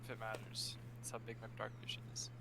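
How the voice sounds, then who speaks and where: A man playing a tabletop game, reacting loudly and swearing casually. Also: on the low side, monotone, fast, creaky. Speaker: player.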